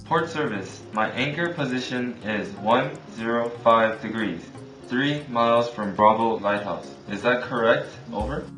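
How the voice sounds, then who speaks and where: A man's voice: mid-range voice, measured pace, fairly bright tone. A man playing a ship's officer on a marine radio call, repeating orders back in formal radio procedure. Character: male ship's radio officer, calm and compliant. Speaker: ship's officer of a motor vessel. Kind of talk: scripted maritime radio role-play. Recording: echoey room with music underneath.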